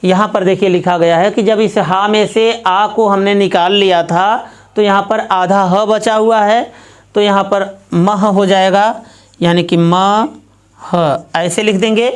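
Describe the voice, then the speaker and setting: A woman's voice: medium pitch, steady tone, measured pace, clean tone. A woman teaching Sanskrit grammar, walking through each step methodically and repeating herself as she works an example.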